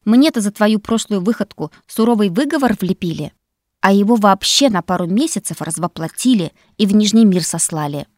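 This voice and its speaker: A woman's voice: mid-range voice, animated, fairly quick, dry recording, clean studio sound, close to an everyday voice. A woman voicing a grumpy, strict female faculty keeper who scolds and scoffs. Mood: scolding. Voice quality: scolding, sharp and sceptical. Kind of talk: audiobook character voice.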